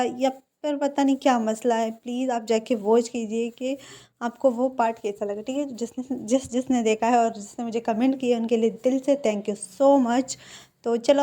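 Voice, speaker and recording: Chatty woman with a mellow voice. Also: on the high side. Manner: chatty, addresses viewers directly. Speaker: fan fiction storyteller. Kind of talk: casual story narration.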